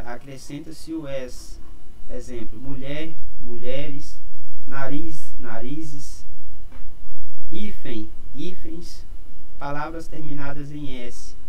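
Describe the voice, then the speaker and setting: A man with a Brazilian Portuguese accent works through grammar rules at an unhurried pace, naming each rule and then giving paired examples. His mid-pitched voice sits a little back from the microphone. Faint noise runs under the recording. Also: distant mic, rough recording. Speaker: exam prep teacher. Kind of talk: explaining grammar rules in a lesson.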